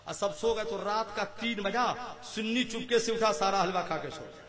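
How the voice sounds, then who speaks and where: A man preaching to a gathering, telling stories with a chuckle and calling on listeners to chant along. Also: high voice. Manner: call-and-response, urging the crowd to chant along; playful storytelling with chuckles. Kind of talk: Islamic sermon to a gathering. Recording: live sermon with audible crowd.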